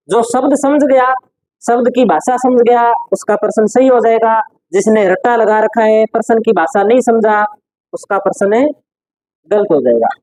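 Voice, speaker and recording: Male teacher dictating notes slowly. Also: very high-pitched, darkish tone, no echo, poor audio. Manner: repeats key phrases slowly for note-taking. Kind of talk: classroom lecture dictating notes.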